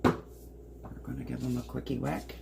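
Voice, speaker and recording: Her voice hoarse and gravelly, partly lost, the home cook keeps up a chatty step-by-step explanation while cooking in her kitchen. She speaks in a bass register with a level tone at a moderate pace, over heavy background noise.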